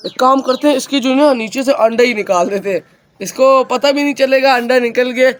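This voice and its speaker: A man's voice: extremely high pitch, a little fast, a little hiss or hum. A man vlogging about his pet hens outdoors on a phone camera, talking casually and chattily to his viewers. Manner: chatty, keeps addressing friends, excitable around the hen. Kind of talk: casual vlog commentary. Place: outdoors with chickens.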